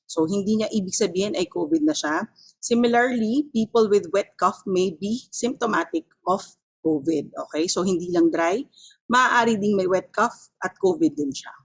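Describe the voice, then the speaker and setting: A woman's voice: mid-range voice, expressive, normal speed, gravelly, husky. A woman with a Filipino accent giving an explanatory health talk, mixing Filipino and English and often checking in with her listeners. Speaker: health educator.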